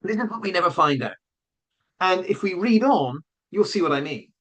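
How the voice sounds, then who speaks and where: A man's voice: sits high, animated, moderate pace, fairly bright tone. A man giving a combative, sarcastic opinion commentary as the host of his channel. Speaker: online commentator.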